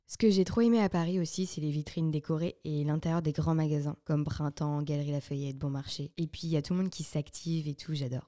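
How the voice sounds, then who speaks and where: A woman's voice: sits low, dark tone, no echo, clean studio sound. A young woman hosting a podcast, chatting in a playful, self-mocking way. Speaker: podcast host. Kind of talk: casual chat.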